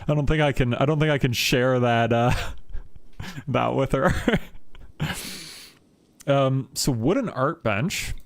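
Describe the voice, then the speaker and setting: This man's voice sits at medium pitch in a dry recording as he casually talks through a game on a live stream. His chatter wanders with plenty of fillers and laughs, and he livens up when telling a story.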